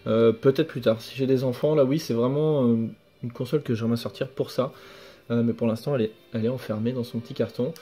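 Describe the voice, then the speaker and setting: A young man casually showing off his flea-market finds in a home vlog, relaxed and hesitant, full of fillers and self-corrections. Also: mid-range voice, fast talker, breathy edge. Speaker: video game collector vlogger. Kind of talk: casual show-and-tell vlog. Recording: faint background music.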